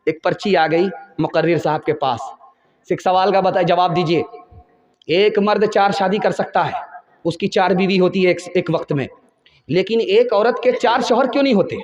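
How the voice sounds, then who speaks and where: High-voiced Indian Urdu-speaking preacher. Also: male voice, roomy sound, highs cut off. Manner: emphatic storytelling, urging listeners to pay attention. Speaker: Islamic preacher. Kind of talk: sermon with parables.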